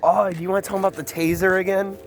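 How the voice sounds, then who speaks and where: Walking outdoors through a neighborhood, a man casually tells friends a scary story, rambling and animated. His voice is high and his pace quick.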